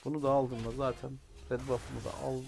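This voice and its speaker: A hoarse man from Turkey giving chatty live commentary while playing a mobile game, now and then bursting into excited shouts. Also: medium pitch, moderate pace. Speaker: mobile game player and video creator.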